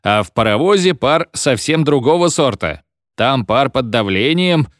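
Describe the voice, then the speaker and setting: A man voicing a pompous, bossy old professor who lectures and shouts orders at his class. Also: medium pitch, animated, a little slow, no echo, studio quality, lightly acted. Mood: lecturing. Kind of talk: audiobook reading.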